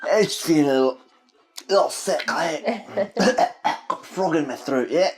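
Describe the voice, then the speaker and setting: A man's voice: fairly high pitch, expressive, measured pace, voice pushed up. A man voicing a casual, bossy stockyard owner in an offhand, commanding way. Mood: reassuring. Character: casual, bossy male stockyard owner bluffing his guards. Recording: noisy home recording.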